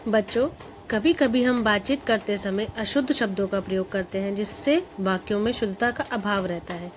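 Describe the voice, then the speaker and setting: A woman's voice: medium pitch, soft background music, poor audio. A woman reading a scripted grammar lesson, saying each word carefully and repeating it. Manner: slow, even, careful pronunciation drills.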